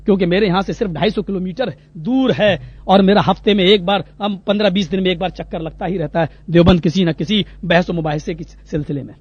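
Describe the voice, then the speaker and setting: A man, swinging from hushed asides to impassioned cries. The recording is dull and lo-fi, with a dry, close sound. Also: high voice, slightly rough, dry recording. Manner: dramatic, rising to impassioned cries when quoting prayers. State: unwell, asks for warm water. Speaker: Islamic preacher. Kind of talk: fiery sermon.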